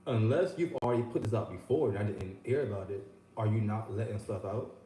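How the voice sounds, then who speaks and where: A man with a dark, mellow voice reacts to a clip, asking sarcastic, pointed questions. His voice sits in an echoey room over a faint hiss. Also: lowish voice, a little fast. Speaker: commentary channel host. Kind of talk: reaction commentary.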